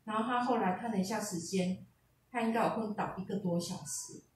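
A woman's voice: mid-range voice, a little fast, darkish tone, far from the mic. A woman telling a personal story at a seminar in a casual way, often slipping into quoted dialogue. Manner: retells conversations, switching into quoted dialogue. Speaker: speaker sharing a personal testimony at a seminar. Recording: echoey hall picked up from afar, faint hiss.

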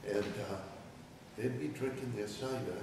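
A middle-aged man from New Hampshire telling slow, folksy stories about his boyhood to a small group. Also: lowish voice. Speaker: speaker at an oral history gathering. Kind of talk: casual storytelling. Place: wood-paneled old town meeting hall. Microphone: far camera. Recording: echoey hall from far off, noisy.

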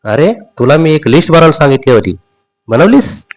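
A man voicing a playful, bossy middle-aged mother who coaxes and teases her son in a brisk manner. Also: fairly high pitch, big pitch swings, voice pushed up. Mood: teasing. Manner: coaxing, brisk, hushed at times.

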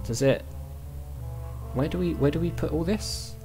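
A man's voice: on the high side, normal speed, warm tone, faint music behind. A man hosting a let's play, thinking aloud in casual, tentative game commentary. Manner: musing, tentative.

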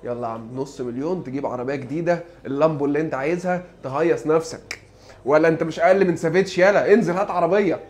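Speaking fast in a slightly high voice, a young gaming YouTuber with an Egyptian Arabic accent jokes around excitably while giving playful commentary on a football manager game.

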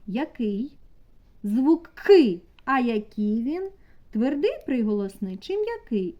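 A woman teaching a preschool class, asking the children slow, sing-song questions. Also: on the high side, very animated, darkish tone, lo-fi sound. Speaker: kindergarten teacher. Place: kindergarten classroom.

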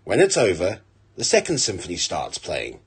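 Husky man telling corny dad jokes. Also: wildly swooping pitch, normal speed. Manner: corny dad-joke delivery, punchlines dropped lower. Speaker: comedian telling jokes to camera. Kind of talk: short corny joke telling with drawn-out catchphrase. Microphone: phone at arm's length.

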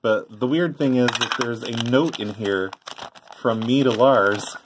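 A middle-aged man, a vlogger and ex-trader of prank call tapes, offers casual, meandering show-and-tell remarks indoors next to a tape deck. His mid-range voice moves a little slowly over background noise.

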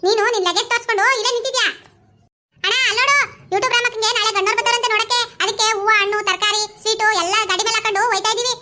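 A woman acting a sly, smooth-talking village woman in a comedy skit, coaxing and quick to retort, with a Mandya Kannada accent. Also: extremely high pitch, fairly even intonation, sharp tone. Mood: wheedling.

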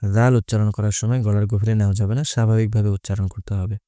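Low, dark-voiced man teaching letters. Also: level tone, clear, resonant tone, no room sound, studio quality. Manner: patient, methodical, repeats letter names with drawn-out sounds. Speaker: Quran recitation teacher. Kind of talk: explaining Arabic letters and pronunciation.

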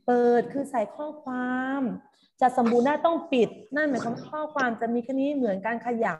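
A woman's voice: sits high, a little fast, a little mellow, a little hiss or hum. A woman teaching a primary class online, coaxing pupils to read along. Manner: coaxing, calls pupils "ลูก" and leads choral reading.

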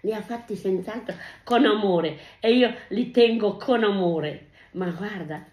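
A woman's voice: medium pitch, measured pace, darkish tone. An older woman, a grandmother, talking in a casual home video; she is effusive, repeats her thanks over and over and breaks into sing-song exclamations. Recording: echoey room with faint noise.

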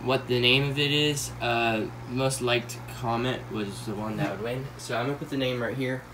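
The background is noisy in this clip of a teen boy vlogging about pet care at home. Stuffy-nosed and filler-heavy, he rambles at a moderate pace in a mid-range voice with fairly even intonation while filming his tanks on a handheld phone.

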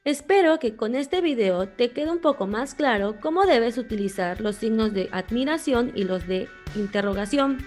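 A woman teaching a simple grammar lesson in a clear, patient way. Her voice sits a little high, and she reads her example sentences with lively emphasis. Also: moderate pace, hardly any pauses, faint music behind.

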